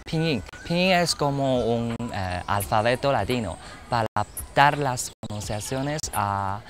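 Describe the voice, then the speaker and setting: Young Chinese man, careful halting speech. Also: mid-range voice. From China. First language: Mandarin Chinese. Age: 20s. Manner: halting, careful, searching for words with many fillers. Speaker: exchange student and Mandarin teaching assistant. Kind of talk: interview answers. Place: outdoors on a university campus.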